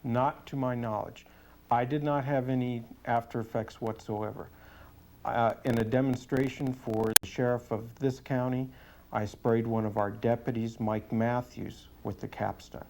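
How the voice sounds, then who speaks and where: On poor audio, a police sergeant testifies in a medium-pitched, darkish voice with fairly even intonation. He responds to the interview questions earnestly and deliberately, keeping his answers plain and matter-of-fact.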